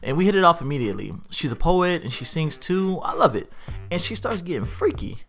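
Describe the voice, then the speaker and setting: A man telling a funny online story aloud in a casual, animated way, getting higher and louder at the wild parts. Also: a little fast, gravelly. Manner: lively, swings from low to high and loud when excited. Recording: faint music behind.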